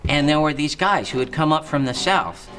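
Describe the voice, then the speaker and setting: A man telling stories in an interview, halting and restarting often with many fillers. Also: a little high, fairly bright tone, faint music behind. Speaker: harmonica player and singer interviewed. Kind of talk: interview storytelling.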